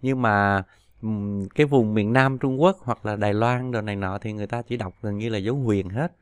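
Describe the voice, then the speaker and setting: A man's voice: lowish voice, smooth, dry recording, clean studio sound. A man teaching a pronunciation lesson, patiently explaining and stretching out example syllables. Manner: patient, drawn-out model syllables. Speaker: Chinese language teacher.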